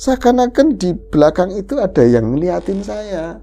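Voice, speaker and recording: A woman host retelling a listener's ghost story in the first person, lively and animated, acting out the quoted voices. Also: mid-range voice, normal speed, faint music behind. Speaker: horror story podcast host.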